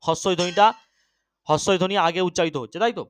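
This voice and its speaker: A young man teaching an exam-prep grammar lesson, often checking that students follow and urging them to answer quickly. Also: high voice, steady tone. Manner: keeps checking understanding, urges quick answers.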